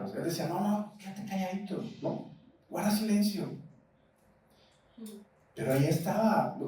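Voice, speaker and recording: A man's voice: high voice, darkish tone. A man preaching a sermon with a Mexican Spanish accent, asking his congregation question after question. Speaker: pastor. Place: church hall. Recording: echoey church hall, mic at a distance.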